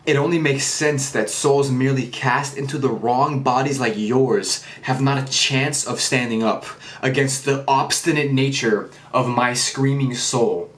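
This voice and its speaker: A man's voice: medium pitch, unhurried, hardly any pauses, close to an everyday voice. A man declaiming as a defiant skeleton warrior. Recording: roomy echo.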